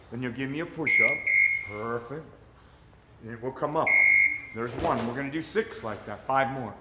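Upbeat male fitness instructor, mid-range voice, counting reps in a loud echoey gym. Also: medium pitch. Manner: upbeat encouraging cues, laughs often. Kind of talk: coaching a live group class. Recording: echoey gym room, loud background noise.

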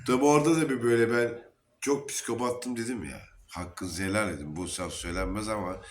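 A man's voice: on the low side, brisk, a little hiss or hum. A man earnestly telling an emotional personal story at a Sufi lodge gathering, quoting the dialogue as he goes. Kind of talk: casual spoken testimony.

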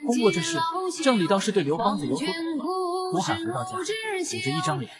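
A man retelling a television drama in brisk, lively narration. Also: extremely high pitch, over loud music. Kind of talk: storytelling narration.

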